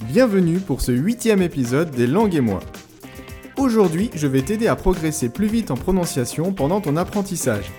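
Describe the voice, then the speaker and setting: Male podcast host, scripted teaching read, slightly high voice, soft music bed. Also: very animated. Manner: clear, didactic, slows down to model pronunciations. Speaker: language-learning podcast host. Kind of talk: scripted educational narration.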